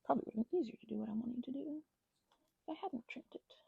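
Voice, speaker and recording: A crafting vlogger speaks in a fairly high, rapid-fire voice with vocal fry and a breathy edge, captured in a dry recording with narrow, tinny audio. She rambles whimsically in ASMR fashion, talking to herself and the things in her hands, occasionally near-whispering.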